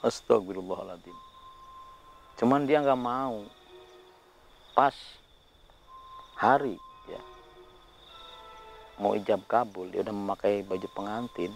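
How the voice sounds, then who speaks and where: A man hosting a ghost-hunting video, talking in a hushed voice outdoors at night, often murmuring prayers and speaking to his companion. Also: fairly low pitch, slow pace, vocal fry, pauses often, soft background music. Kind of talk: hushed on-the-spot narration. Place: outdoors at night near a ravine.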